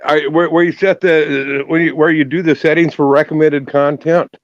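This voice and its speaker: A man's voice: a little high, little pitch movement, no echo, muffled recording. A man hosting a casual live stream chat outdoors, rambling and restarting his sentences. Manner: rambling, halting with many restarts. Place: outdoors behind a building.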